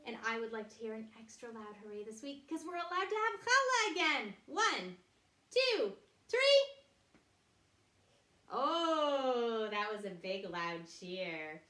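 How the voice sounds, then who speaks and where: A woman leading a children's circle time, talking and singing in an animated way as if to toddlers. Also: on the high side, moderate pace, hardly any pauses, recorded from a distance. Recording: echoey room.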